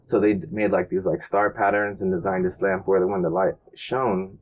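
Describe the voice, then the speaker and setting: A man with a lowish voice chats about his teaching in a relaxed, rambling way. His sentences wander and fill with little hesitations. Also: moderate pace. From born in London, raised in New Jersey. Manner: relaxed, rambling with many fillers. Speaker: guest, middle school engineering teacher. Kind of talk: casual conversation.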